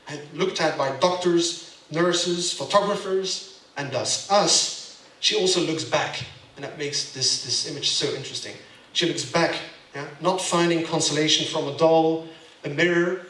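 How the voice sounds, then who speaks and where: Speaking with a Belgian accent, a man delivers a gallery lecture in a slightly high, somewhat bright voice, sitting far from the mic. He talks emphatically and keeps checking in with listeners by asking "yeah?" The room is echoey and his voice comes across off-mic.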